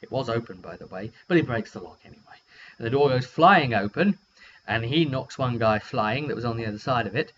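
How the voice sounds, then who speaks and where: A game master recaps a tabletop roleplaying session in a casual, rambling, wry way, acting out short quotes as he goes. His medium-pitched voice is a bit bright and brisk, with lively intonation, heard through a dull lo-fi mic with hum.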